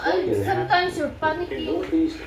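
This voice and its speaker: A woman with a Filipino accent, giving short, fond replies and gentle urging in casual chat. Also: very high-pitched, sing-song, unhurried. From Philippines. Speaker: partner of the vlogger. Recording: loud crowd noise behind.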